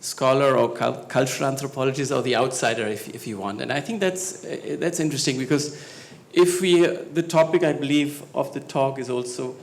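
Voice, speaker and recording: Hesitant Spanish-born scholar speaking on stage. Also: male voice, mid-range voice, brisk, creaky, few pauses. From Spain. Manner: hesitant with many fillers, growing animated. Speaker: scholar panelist. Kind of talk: conversational talk on stage. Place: talk venue stage.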